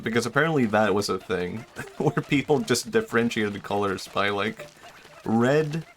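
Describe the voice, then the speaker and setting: A young man streams a game in a lowish voice, with a slight hiss or hum on the recording. He chats casually and thinks out loud, rambling and reflecting on himself, full of fillers, often trailing off and restarting sentences.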